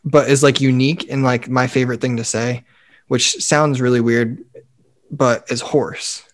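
A man's voice: medium pitch, fairly even intonation, moderate pace. A young man co-hosting a podcast, rambling casually with lots of filler words. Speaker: podcast co-host. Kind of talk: casual chat.

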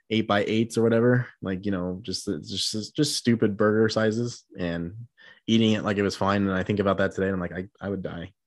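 A young man in his twenties hosts a casual talk among friends. His voice sits low and the sound is dry, with no room around it. He rambles loosely, swears freely and fills pauses with "uh" and "like.". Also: no room sound. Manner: loose, profane, rambling with fillers and laughs. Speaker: podcast host. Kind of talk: casual chat.

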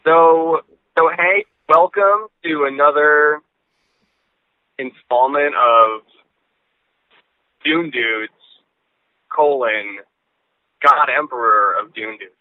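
A man in his late twenties, talking through his cell phone on speakerphone as a podcast co-host in casual, rambling chat with halting restarts and casual swearing. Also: a little high, no room sound, narrow, tinny audio. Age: late 20s. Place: in a car.

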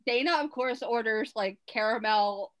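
A woman's voice: a little high, normal speed. A woman with a Baltimore accent chatting casually and telling anecdotes. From Baltimore, USA. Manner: anecdotal storytelling. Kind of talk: casual chat.

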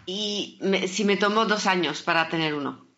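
A woman speaks as a guest in a relaxed conversational interview, in a language that is not her native one. Her voice is medium-pitched and bright, with hesitant phrasing as she hunts for words. The recording is a little lo-fi. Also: normal speed. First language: not Spanish. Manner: hesitant, searching for words in Spanish. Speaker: podcast guest.

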